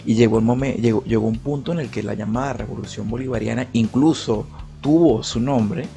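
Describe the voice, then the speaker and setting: A young man with a Venezuelan Spanish accent speaks in a loose, conversational commentary style, restarting his phrases and tossing in slang. His voice sits at an average pitch for a man. Soft music plays faintly underneath. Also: fairly quick, creaky. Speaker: political YouTuber. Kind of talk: casual opinion commentary.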